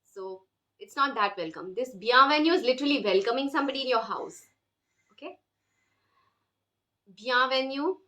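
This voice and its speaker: A woman's voice: sits high, expressive, normal speed, long pauses, pushed and bright. A woman teaching a beginner language lesson, explaining patiently and drilling words for the listener to repeat. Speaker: French teacher.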